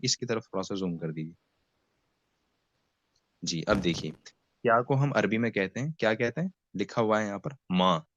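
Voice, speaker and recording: Low-voiced man teaching an online class. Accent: Indian Hindi-Urdu. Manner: patient, repeats words for students to echo. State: fasting with a headache. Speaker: Arabic teacher. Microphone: video call. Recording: dull lo-fi video call audio.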